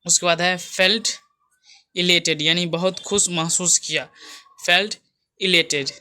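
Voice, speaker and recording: A man teaching exam vocabulary, reading each word, spelling it out letter by letter and repeating its meaning in a steady way. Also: sits high, a little slow, clean tone.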